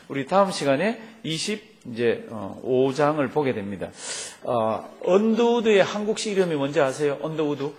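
A male pastor preaching a sermon, telling stories with lively acted-out dialogue. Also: fairly high pitch. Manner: lively storytelling, acts out dialogue in quotes.

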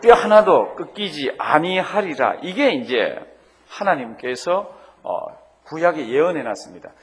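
Pastor, male, lively sermon delivery, voice rises and falls widely, slightly higher register. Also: measured pace. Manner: lively preaching, leading the congregation in reading and asking them questions; calls out the scripture cries loudly.

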